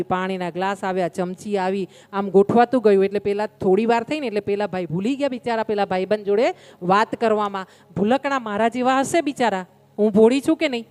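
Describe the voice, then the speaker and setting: A woman giving a devotional sermon, telling a story in a conversational, humorous way and speaking directly to her listeners. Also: medium pitch. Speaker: religious storyteller.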